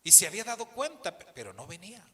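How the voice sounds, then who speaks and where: A Mexican man preaching, a pastor who tells his story with lively swings in pitch and acts out the people in it. His voice sits a bit high and sounds bright and forceful. It rings with the long reverb of a church hall. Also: quick pace. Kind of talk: storytelling sermon.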